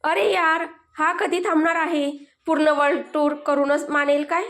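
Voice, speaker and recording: A woman's voice: high-pitched, flat delivery, normal speed, fairly bright tone. Woman doing a snappish young man. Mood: scared. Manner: snappish, scolding. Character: irritable young man, secretly scared, gruff.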